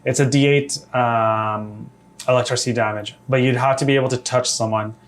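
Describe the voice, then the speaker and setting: A man running a tabletop game as dungeon master, relaxed and hesitant, laughing easily. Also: medium pitch, a little fast. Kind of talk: casual tabletop game chat.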